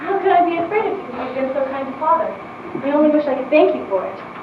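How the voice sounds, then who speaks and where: A woman's voice: high-pitched, sing-song, fast. A woman playing a modest, proper young woman in a period drama, earnest and politely firm. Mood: shy, flustered. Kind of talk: stage-style period drama acting. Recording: echoey distant muffled recording, faint noise.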